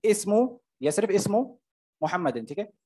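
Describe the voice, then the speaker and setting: A man's voice: high-pitched, very animated, normal speed, warm tone, slightly rough. A man, teaching Arabic grammar in an online class, explaining step by step and often checking "okay?" with his students.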